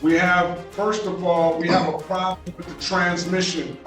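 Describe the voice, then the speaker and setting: A firm, curt judge is heard over a video conference call, his slightly high voice coming through echoey and set back from the microphone. He repeats himself as he cuts in. Faint music sits underneath. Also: flat delivery, normal speed, far from the mic. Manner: firm, curt, repeats words when cutting in. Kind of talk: presiding over a virtual court hearing.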